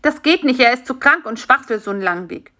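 A woman voicing an excitable, kind-hearted male spider who talks in a lively, brash way. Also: high voice, fast, voice pushed up. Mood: pleading.

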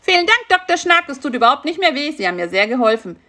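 A high, wailing voice for a big male spider who moans and complains, put on by a woman reading a storybook aloud, with a gravelly edge. He whimpers and jammers in a pitched-up tone. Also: lively intonation, measured pace, a bit bright, full character voice. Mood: eager. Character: whiny male cross spider with toothache.

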